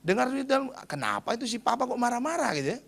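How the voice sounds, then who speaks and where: A male pastor preaches in a chatty, storytelling manner and keeps calling out to his congregation. His voice sits high and sounds bright, with a gravelly rasp. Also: big pitch swings, fast. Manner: chatty storytelling, often addressing the congregation as brothers and sisters. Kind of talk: sermon.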